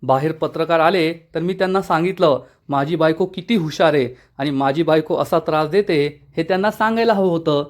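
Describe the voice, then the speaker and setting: A bossy, teasing young husband, played by a male narrator, snapping back with irritation. The voice sits a little high for a man. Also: a little fast, hardly any pauses, close to an everyday voice. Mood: exasperated.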